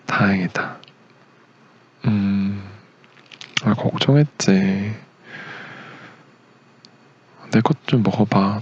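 A man acts out a young romantic leading man, the devoted boyfriend in an ASMR voice drama. His voice sits fairly low and is very breathy and husky, murmuring tenderly and at times slipping into a whisper. He takes his time, soothing and gentle, on a slightly muffled recording. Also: full character voice. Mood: caring, attentive. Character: doting, gentle young boyfriend caring for his sick girlfriend. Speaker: boyfriend in a role-play.

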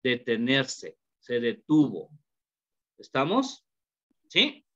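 Hombre profesor de inglés, habla lento. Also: male voice, medium pitch, wildly swooping pitch, sharp tone. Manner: slow, repeats questions to students, mixes English into Spanish. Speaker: English teacher. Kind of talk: online class lesson. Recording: dull lo-fi call audio.

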